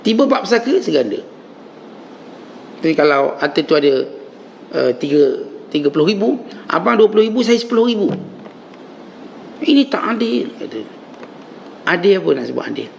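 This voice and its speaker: Gravelly Malaysian preacher, lively storytelling. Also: male voice, a little hiss or hum, low-quality recording. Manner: colloquial storytelling, acts out quoted people in a higher voice. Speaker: religious teacher. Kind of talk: dawn mosque lecture.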